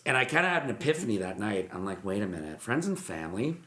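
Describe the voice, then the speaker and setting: A man, a mortgage broker, telling stories in a podcast interview, animated and repeating words as he acts out what people said. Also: mid-range voice, fast talker. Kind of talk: storytelling interview chat. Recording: roomy echo.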